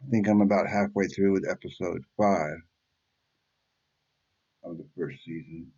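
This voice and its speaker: This fifty-something reaction channel host talks in an unhurried, steady way, his low voice warm and slightly rough. He rambles bluntly and swears a lot in a casual monologue, and the recording is muffled.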